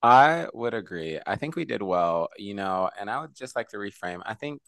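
A man co-hosting a podcast, talking in a thoughtful, measured, somewhat halting way. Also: fairly low pitch, expressive, fairly bright tone, dry recording. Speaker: podcast co-host. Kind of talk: casual chat.

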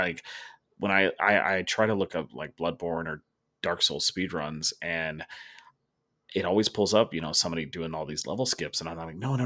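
Really deep voiced podcast dude, rambles and laughs a lot, dry mic. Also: male voice, pushed and bright, no echo. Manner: rambling, laughs often, many restarts. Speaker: podcast co-host. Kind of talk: casual chat.

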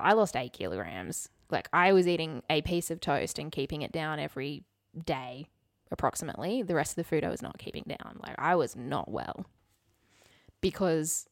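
With a low voice and vocal fry, this young woman co-hosts a podcast, keeping things casual with chat and storytelling. Candid and wry, she repeats lines for emphasis. The audio is dry and studio quality.

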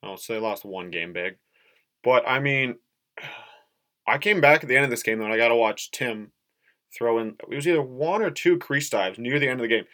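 A man's voice: mid-range voice, animated, normal speed, fairly bright tone. A man co-hosting a casual sports podcast, from the Upper Midwest, joking and laughing at his own jokes. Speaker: podcast co-host.

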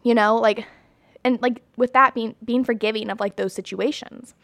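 Young woman vlogging, kinda high voice, dry close sound, blunt and chatty with tons of "like". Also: fairly even intonation, normal speed, fairly bright tone, no room sound. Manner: chatty and emphatic, many "like"s and "you know"s; blunt and opinionated. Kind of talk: casual talk to camera.

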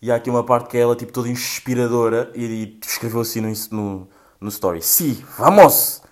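A young man with a European Portuguese accent hosts a casual commentary, reacting to social media clips. He talks fast at a medium pitch with little pitch movement, ranting in a profane, rambling, mocking way.

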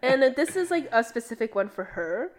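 Speaking briskly in a slightly high voice, this young podcast co-host tells animated stories in a chatty, casual exchange. She fills her speech with "like" over and over.

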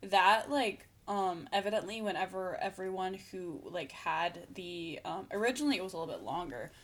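Low, bright-toned woman in podcast chat. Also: moderate pace. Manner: enthusiastic, filler-heavy. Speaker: podcast co-host. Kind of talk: casual chat about a TV show.

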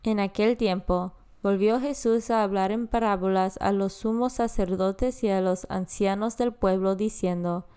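A woman reads scripture in a slow, reverent devotional style. Her voice is dark and mellow, and it sounds exceptionally smooth and clean. She lets each phrase settle before moving on. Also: medium pitch, fairly even intonation. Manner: slow, measured, reverent reading. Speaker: podcast scripture reader.

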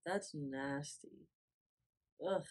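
Low-voiced young woman, blunt and reactive. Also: drawn-out words. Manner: blunt, repeats her disgust, animated reactions. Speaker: podcast co-host. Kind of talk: casual chat.

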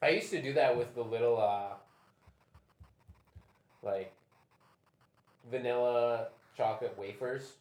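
A man's voice: medium pitch, slow pace, long pauses. Rambling young man in a roomy echo. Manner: relaxed, rambling, trails off and restarts. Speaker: discussion moderator. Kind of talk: casual roundtable chat.

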